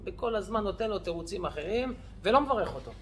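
A male rabbi telling stories in a lesson, lively, acting out the characters' voices. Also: high voice, a little hiss or hum. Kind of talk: storytelling lesson.

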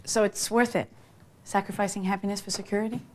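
A woman's voice: medium pitch, fairly even intonation, fast talker, darkish tone, slight background noise, close to an everyday voice. An actress playing a frank, sardonic young woman visiting an apartment, in film dialogue.

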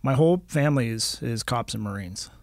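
A man in his thirties from Southern California speaks as a podcast guest, relaxed and plain-spoken at a mid pitch. He talks into a boom mic in a small studio, and the sound is dry and close. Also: a little fast, no room sound. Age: 30s. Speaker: guest, police officer. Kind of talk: casual interview chat. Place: small studio with curtained walls. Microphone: studio mic on boom arm, headphones.

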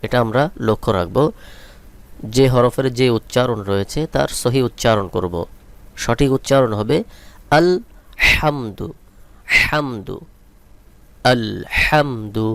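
A man's voice: mid-range voice, normal speed, gravelly, pauses often, smooth, no room sound. A man teaching Quran reading, spelling out letters and vowel marks one at a time and then drawing out each chanted word. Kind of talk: slow spelling-out lesson with translation.

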